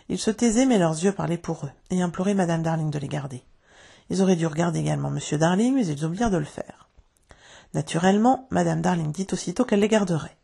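Audiobook narrator, woman, low warm husky voice, measured storytelling. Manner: measured storytelling, lively dialogue shifts.

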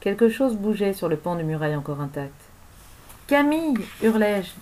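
A woman narrating a novel aloud in an expressive storytelling manner. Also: fairly low pitch, quick pace, rough recording. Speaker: audiobook narrator.

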